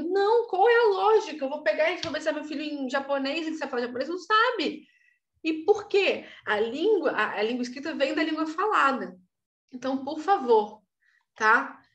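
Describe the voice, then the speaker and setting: Woman, 30s, fairly high voice, chatty teacher running a live online class, emphatic, keeps asking "tá?". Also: fairly bright tone. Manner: chatty, emphatic, with frequent "tá?" check-ins. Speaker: literacy teacher.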